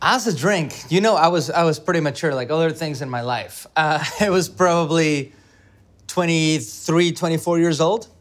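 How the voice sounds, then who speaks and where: A man's voice: a little high, normal speed. A middle-aged man from Mexico, a beverage director, talking enthusiastically in an interview with many fillers and restarts. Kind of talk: conversational interview.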